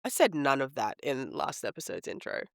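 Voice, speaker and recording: A man hoarse from a head cold, with a smoker's rasp, chatting casually and informally as a podcast co-host. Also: medium pitch, huge pitch swings, normal speed, a bit bright, no echo, clean studio sound. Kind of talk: casual chat about books.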